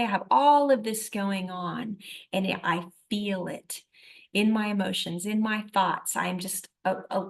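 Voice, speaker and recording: Woman minister, mid-pitch, conversational testimony, earnest and reflective, loose with fillers. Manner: storytelling with frequent "you know" and "uh" fillers; earnest and reflective, with sudden rises in loudness.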